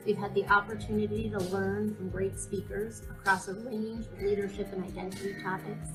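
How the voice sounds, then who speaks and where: A woman's voice: medium pitch, rough recording. A woman from Texas, giving an upbeat, scripted testimonial. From Texas, USA. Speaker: program participant. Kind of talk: recorded testimonial.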